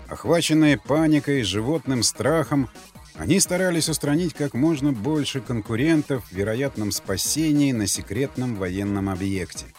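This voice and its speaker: Male narrator, measured somber reading, mid pitch, faint music bed. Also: a little mellow. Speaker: audiobook narrator. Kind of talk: scripted narration.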